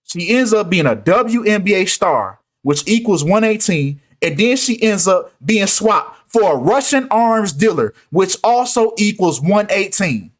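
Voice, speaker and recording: A man talking in an animated, insistent way in a casual commentary video, often repeating "right?" and "come on, man". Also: high-pitched, measured pace, hardly any pauses.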